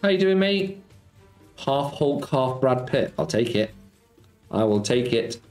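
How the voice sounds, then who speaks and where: A man's voice: mid-range voice, very animated, slow, darkish tone. A middle-aged man from Nottingham, live-streaming and chatting casually, reading viewer messages aloud and greeting them with cheeky banter. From Nottingham, England. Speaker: slots streamer. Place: home streaming room, indoors. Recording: echoey room, faint background music.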